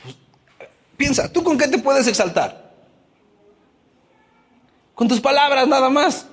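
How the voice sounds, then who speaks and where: A man's voice: extremely high pitch, animated, slow, long reverb tail. A man preaching a sermon as pastor, asking his congregation many questions and acting out everyday complaints.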